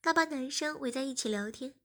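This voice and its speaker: A woman reading a story aloud in soft, even scripted narration. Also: high-pitched, a little fast. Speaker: story reader.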